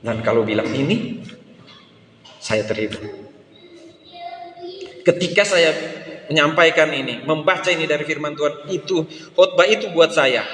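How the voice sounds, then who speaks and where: A man's voice: on the high side, moderate pace, pauses often, a bit bright. An older man preaching a sermon at a church service, telling stories animatedly and acting out children's voices. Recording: echoey hall with faint noise.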